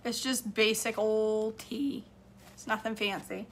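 This home cook and livestream host, a woman in her forties from Maine, USA, rambles casually through viewer comments from her kitchen, quick to laugh. Her slightly high voice keeps a fairly even intonation. The audio, captured by a phone camera at arm's length, carries a little hiss or hum.

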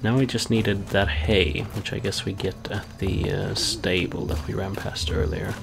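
A man's voice: low voice, flat delivery, a little slow, vocal fry, loud music behind the voice. A man giving casual, wry game commentary, understated, as if muttering to himself. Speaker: let's-play commentator.

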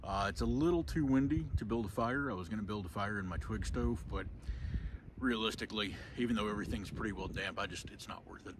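A lower-voiced man in his thirties chats easily to his camera at a windy lakeside campsite, loose and rambling, full of little "uh"s and restarts. Faint outdoor hiss and breeze sit under his voice, picked up by a camera mic. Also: quick pace. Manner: relaxed, rambling, many "uh"s and restarts. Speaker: outdoor vlogger. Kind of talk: casual gear talk to camera.

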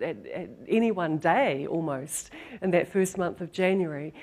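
A woman's voice: lowish voice, darkish tone. A middle-aged woman with a New Zealand accent gives a live talk as a marketing professor, conversational and repeating words for emphasis. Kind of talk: live presentation to an audience. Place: indoor lecture room, standing.

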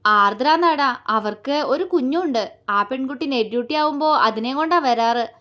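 A woman's voice: sits high, normal speed, sharp tone. A woman voicing a young man, a casual, matter-of-fact friend talking on the phone in an audio story.

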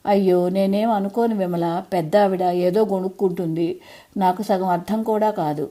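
A kindly, easygoing neighbour woman from an audiobook, as a woman reader puts her on. She speaks softly and reassuringly. Her voice is very dark and mellow. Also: medium pitch, fairly even intonation, normal speed, close to an everyday voice. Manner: soft, reassuring.

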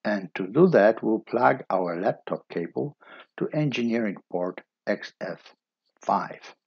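A man with a low, gravelly and slightly husky voice walks through a technical setup step by step. The recording is dry and a little dull, like a plain voice-over. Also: a little slow, dry recording. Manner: steady step-by-step explaining. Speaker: instructor.

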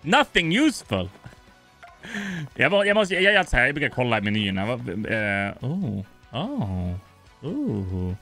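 A man's voice: medium pitch, big pitch swings, creaky, sharp tone, faint music behind. A man hosting a gaming channel, chatting casually as he plays, stammering and laughing often. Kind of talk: casual let's play commentary.

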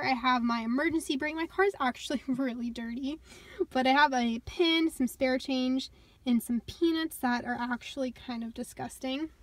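Sitting in her parked car with a phone in hand, a young vlogger walks viewers through the vehicle in a casual, cheerful way, punctuated by small laughs. Her voice sits high, and the recording has no echo.

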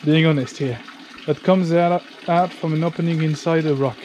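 Guy doing a chatty travel vlog outside, voice a bit high, faint noise around him. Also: fairly even intonation, normal speed, darkish tone. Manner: informal, chatty, occasional swearing. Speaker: travel vlogger. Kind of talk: casual vlog commentary. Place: outdoors on forest walking paths. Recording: outdoor ambience noise.

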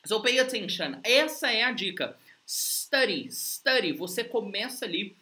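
A woman with a Brazilian Portuguese accent teaching English on a live stream, upbeat and coaxing, slowly repeating phrases for drills. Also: on the high side, lively intonation, pushed and bright. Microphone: livestream setup.

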